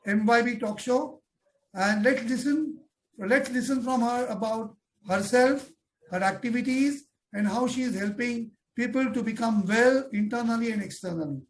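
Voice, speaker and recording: High-pitched, effusive talk show host man. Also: normal speed, rough recording. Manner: friendly and effusive, with "you know" fillers. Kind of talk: interviewing a guest.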